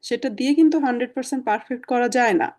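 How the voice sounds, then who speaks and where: A woman's voice: a little high, very fast, darkish tone. A woman teaching German in an online class over a video call, explaining patiently step by step with many fillers.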